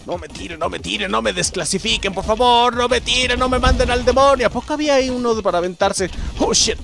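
A young man with a Mexican accent giving excitable live gameplay commentary, swearing and shouting at the game. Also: extremely high pitch, fast talker, creaky, music in the background. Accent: Mexican Spanish. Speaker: gaming YouTuber.

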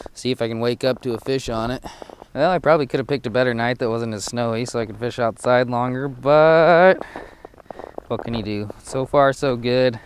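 A young man chatting casually to camera in a laid-back, unhurried way, with some mild swearing, as an ice fishing vlogger. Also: fairly low pitch, a little hiss or hum. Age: young adult. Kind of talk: casual vlog chat. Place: small ice fishing shelter and outdoors on a frozen lake at night.

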